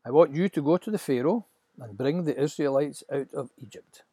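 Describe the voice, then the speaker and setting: A man voicing God in a slow, commanding, solemn husky voice. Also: on the high side, warm tone, dry recording.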